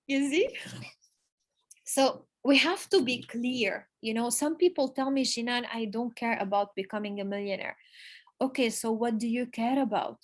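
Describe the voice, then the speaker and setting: A network marketing leader, a woman with a higher voice whose first language is Arabic, delivers a motivational speech. She's emphatic and repetitive, pausing to drive points home.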